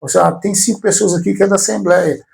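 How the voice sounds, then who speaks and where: A man's voice: high voice, fairly even intonation, quick pace, gravelly, darkish tone. A man with a Brazilian Portuguese accent, a guest giving a testimony, telling his story in casual talk and acting out the voices he quotes.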